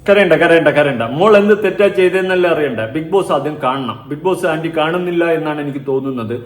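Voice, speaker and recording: Sarcastic young male commentator, quick high-ish delivery, reverberant room sound. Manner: mocking, sarcastic, lecturing. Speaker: vlogger and show commentator. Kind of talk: reaction vlog commentary. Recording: echoey room.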